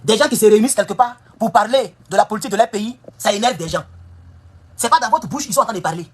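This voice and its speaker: A woman's voice: medium pitch, animated, quick pace, slightly rough. A woman giving an impassioned political monologue, emphatic and scolding, firing off rhetorical questions. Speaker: political commentator. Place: United States.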